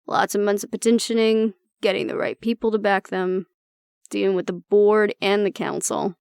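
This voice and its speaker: A woman's creaky, mid-pitched, slightly mellow voice, with fairly even intonation at normal speed, is recorded close and dry. In a lightly acted, intimate audio roleplay, she plays an exasperated agent venting to the listener about her stubborn, disapproving father. Her mood is reflective and explaining, and she is blunt, sardonic, conversational and swears.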